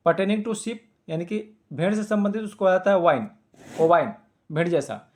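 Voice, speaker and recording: A man teaching vocabulary for exams, reading English definitions slowly and then explaining them casually with examples. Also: sits high, expressive. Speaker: exam coaching teacher. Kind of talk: vocabulary lesson, explaining word by word.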